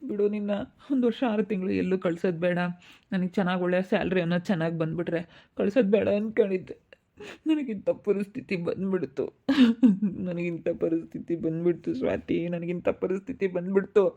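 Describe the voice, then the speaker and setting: A man's voice: high-pitched, steady tone, fairly quick, vocal fry, dark tone, lo-fi sound. A man acting a distressed young husband in an amateur family skit, pleading and repeating himself. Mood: despairing. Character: distressed young husband, despairing over money.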